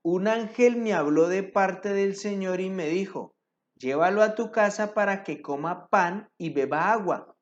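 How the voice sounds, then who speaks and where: A man's voice: high-pitched, measured pace. A man preacher reading scripture verses aloud and then explaining them directly to his listeners in a devotional sermon. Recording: dull lo-fi recording.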